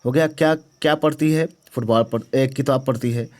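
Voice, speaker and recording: A man's voice: mid-range voice, normal speed, darkish tone. Man teaching grammar, quizzing his class. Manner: asks questions and answers them himself; repeats key words and checks understanding. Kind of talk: grammar lesson to exam students.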